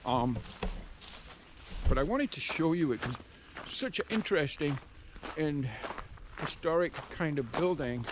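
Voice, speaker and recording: A man's voice: fairly high pitch, animated, a little slow, long pauses. A man talking casually to viewers as he walks outdoors, musing and often interrupting himself in a rambling way. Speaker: hiking vlogger. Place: outdoors, walking on a rural trail and country road. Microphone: handheld camera. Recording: outdoor background noise. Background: outdoor ambience with noise.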